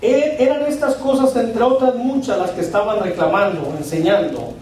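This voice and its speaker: A man preaching a sermon as pastor, with pauses, letting his voice drop at the ends of lines. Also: sits high, darkish tone, slight background noise. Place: church hall. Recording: very echoey church hall from far off.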